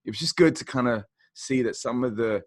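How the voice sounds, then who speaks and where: A man's voice: mid-range voice, brisk, no room sound. A man, co-hosting a podcast and chatting about music in an enthusiastic, rambling way. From South Croydon, London, England. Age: 40s. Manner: enthusiastic, rambling, peppered with "you know". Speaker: podcast co-host. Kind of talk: casual chat about music.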